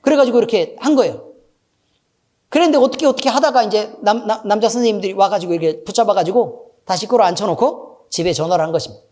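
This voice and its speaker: A fast-talking middle-aged pastor preaches, weaving a story together with asides for the congregation. His volume shifts sharply from loud, emphatic bursts to soft, low remarks.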